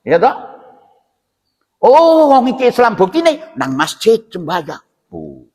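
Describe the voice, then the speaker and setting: This high-voiced man speaks slowly, with huge swings in pitch and a slightly mellow quality. With a Javanese accent, he delivers a casual mosque sermon, teaching scripture through rhetorical questions and check-in tags, all echoing in a reverberant hall.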